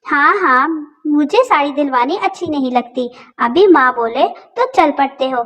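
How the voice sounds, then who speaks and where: A woman's voice: sits high, lively intonation, moderate pace, fairly bright tone. A woman voicing a quarrelsome young wife who sarcastically threatens to leave for her parents' home. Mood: petulant. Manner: whiny, sarcastic, dramatic.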